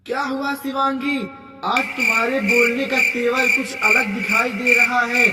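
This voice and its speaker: Cartoon son, man, fed up and placating, voiced by one actor, high voice, hall echo. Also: little pitch movement, unhurried. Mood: exasperated. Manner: exasperated, placating. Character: weary son caught between wife and mother. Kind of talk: cartoon comedy skit. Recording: echoey, distant, loud music behind.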